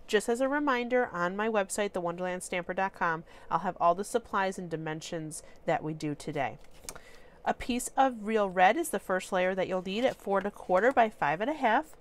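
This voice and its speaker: A woman's voice: mid-range voice, expressive, normal speed. A woman with a congested, stuffy voice, hosting a casual card-making tutorial and chatting through the steps with frequent ums. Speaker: papercraft tutorial host.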